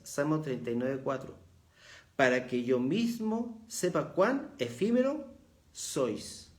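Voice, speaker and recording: A middle-aged man with a Chilean accent, preaching a reflective sermon and rising in emphasis as he reads verses aloud. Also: fairly high pitch. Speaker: pastor.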